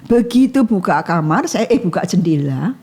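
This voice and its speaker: A woman's voice: on the low side, very animated, normal speed, a little mellow, husky. A woman giving an emotional testimony in casual talk, acting out her own prayers. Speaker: guest sharing a testimony.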